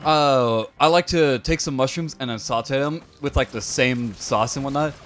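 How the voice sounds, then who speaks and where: A man's voice: medium pitch, normal speed, a bit bright, soft background music. A young adult man streaming a game, telling rambling, joking stories to his viewers with plenty of filler words. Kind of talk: casual chat with stream viewers.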